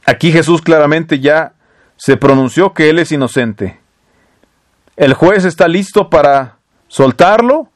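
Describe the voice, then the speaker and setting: A man's voice: a little high, dry recording. A man preaching a sermon, reading scripture aloud and explaining it with rhetorical questions. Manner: reads verses then explains with rhetorical questions.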